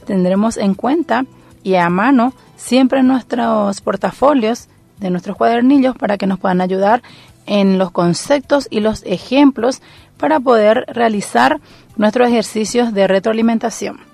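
A woman's voice: fairly high pitch, measured pace, gravelly, a little mellow, no room sound, soft background music. A woman teacher working methodically through exercises, thinking aloud as she goes. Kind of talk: recorded classroom lesson.

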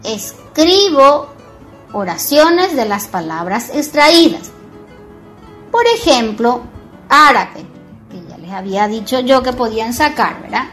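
A woman teaches a grammar lesson in a high, unhurried voice. She stresses words clearly and repeats them as she explains. Faint music sits behind her. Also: lively intonation, fairly bright tone. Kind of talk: bilingual Guarani and Spanish grammar lesson.

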